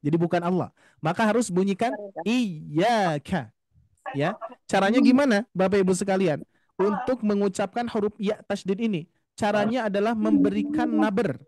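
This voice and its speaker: A man with a fairly high voice leads an online recitation lesson, explaining each point patiently and politely. He often stretches out words as he models the pronunciation. The sound is dry and close, with no room echo. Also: darkish tone. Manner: patient, explains slowly, often addresses "Bapak Ibu", models recitation drawn out. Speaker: Quran recitation teacher. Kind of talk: online tajwid class. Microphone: video call.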